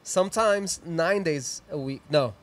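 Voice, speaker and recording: A little high and a little slow, this man's voice is captured in a dry recording. He is a Mexican-accented host in his thirties running a live music stream from a small decorated indoor studio, where he chats and gives shout-outs into a handheld mic in an upbeat, rambling way, promoting sponsors and socials.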